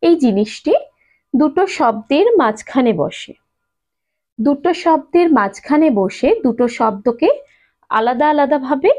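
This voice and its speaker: A woman teaching a language lesson to her students, patiently repeating and slowly spelling out each sound. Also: high-pitched, expressive, darkish tone. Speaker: Sanskrit teacher. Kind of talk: spoken lesson addressed to students. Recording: dull lo-fi sound.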